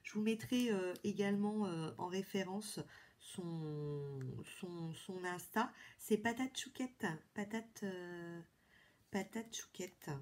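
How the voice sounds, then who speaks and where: A woman's voice: medium pitch, takes it slowly, darkish tone. A woman from France chatting enthusiastically through a haul video, full of fillers and restarts. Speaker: beauty vlogger.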